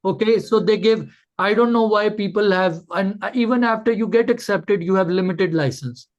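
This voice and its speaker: A man whose voice sits high coaches callers at normal speed in an informal online Q&A he's hosting, the sound lo-fi. He's blunt and emphatic, often repeating words to drive a point home.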